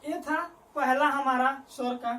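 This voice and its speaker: A woman's voice: high-pitched, fairly even intonation, a little slow, pushed and bright. A woman teacher giving a dictation lesson, repeating each phrase so students can write it down, then asking the class questions and answering them herself. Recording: voice picked up from a distance.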